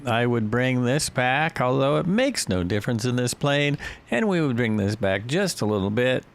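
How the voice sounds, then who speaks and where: This streamer chats easily with his audience as he flies, reasoning aloud and bursting into excited whoops and cheers. His mid-range voice is creaky and keeps a moderate pace.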